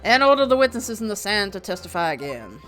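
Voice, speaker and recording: Woman acting as male judge, video game character, stern, pompous, formal, measured, bright-edged, faint music. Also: medium pitch, very animated. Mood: commanding. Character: stern, formal male British judge presiding over court.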